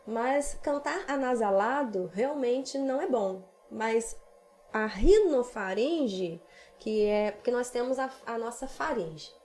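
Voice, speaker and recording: A woman's voice: a little high, expressive, takes it slowly, a little mellow, faint music behind. A woman singing teacher with a Brazilian accent, patiently explaining vocal technique in a casual podcast chat. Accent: Brazilian Portuguese.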